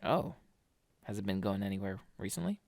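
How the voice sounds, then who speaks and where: A man's voice: lowish voice, very animated, a little fast, gravelly, darkish tone, no echo. A man co-hosting a casual podcast, rambling through stories with lots of fillers and frequent laughter. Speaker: podcast co-host.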